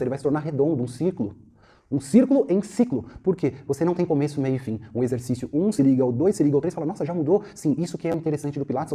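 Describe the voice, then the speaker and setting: A Pilates instructor lectures at a rapid clip in a deep, mellow, husky voice. The talk is full of rhetorical questions and quick acted-out cues for students. It sounds like a teacher walking trainees through a course.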